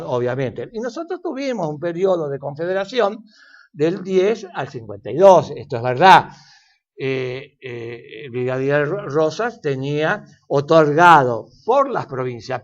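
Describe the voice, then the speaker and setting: The audio is dull, and the man's voice is a little high. He is an older speaker with an Argentine accent, acting as an expert guest in an interview and lecturing at length with frequent fillers and false starts.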